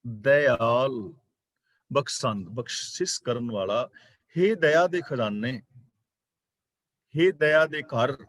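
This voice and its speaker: A man teaching a daily scripture class online, explaining the meaning of each word, correcting pronunciation and reciting verses slowly. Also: mid-range voice, fairly bright tone, dry recording. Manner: slow, deliberate recitation of verses. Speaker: religious teacher. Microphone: online class microphone.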